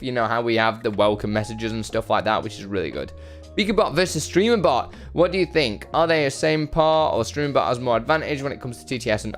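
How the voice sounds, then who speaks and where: A man chatting casually on a live stream, rambling and self-deprecating as he greets viewers by name and answers their questions. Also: mid-range voice. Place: his brother's home.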